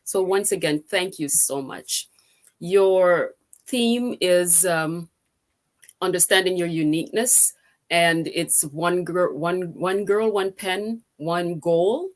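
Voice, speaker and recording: A woman's voice: on the low side, slow. A middle-aged woman from Jamaica speaking as a guest on an online forum over a video call, grateful and chatty with many fillers. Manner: warm, grateful, with frequent fillers.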